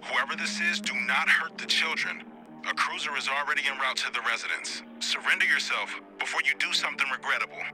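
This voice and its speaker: A man's voice: medium pitch, brisk, bright, forceful tone, soft background music, pitched above the performer's own voice, low-quality recording. A man voicing an emergency operator on the phone, talking in an urgent, commanding way. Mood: pleading commanding. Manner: urgent, commanding, rising to pleading.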